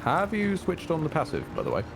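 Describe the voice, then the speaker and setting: A man's voice: on the high side, wildly swooping pitch, fairly quick, noisy background. A man giving casual gameplay commentary as a streamer. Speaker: video game streamer. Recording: game music clearly behind voice. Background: game music.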